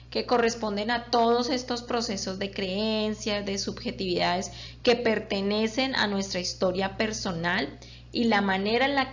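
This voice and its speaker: A woman calmly explaining parenting, pausing often with filler sounds. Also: mid-range voice, highs cut off. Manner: calm, explanatory, with frequent "eh" fillers. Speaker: parenting educator. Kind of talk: informative talk on parenting.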